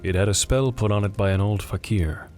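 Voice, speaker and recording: A weary middle-aged sergeant major acted out by a man in an audio drama. He speaks low and solemn, in terse, offhand phrases, with faint music underneath. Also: brisk, darkish tone, natural voice. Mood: grave, solemn.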